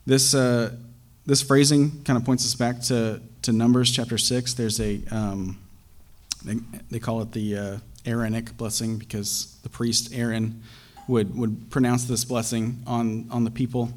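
Halting young male preacher. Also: mid-range voice, little pitch movement. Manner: halting, with many fillers and restarts. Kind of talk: sermon.

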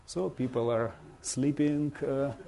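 A man from Russia with a Russian accent gives an informal slideshow talk as a visiting bishop, speaking halting non-native English and searching for words. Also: mid-range voice, steady tone, gravelly, warm tone, a little hiss or hum. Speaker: bishop giving a guest presentation.

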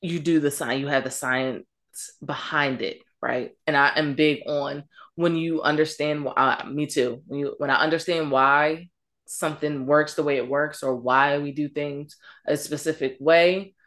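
A woman's voice: low-pitched, fairly even intonation, moderate pace, a bit bright. A woman hosting a podcast interview over a video call, affirming her guest enthusiastically and asking follow-up questions. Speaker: podcast host.

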